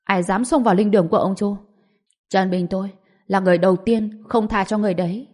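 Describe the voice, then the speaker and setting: A woman's voice: medium pitch, fairly even intonation, fast, a little mellow, close to an everyday voice. A woman reading the lines of a young male hero whose voice is cold and full of menace. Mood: cold furious.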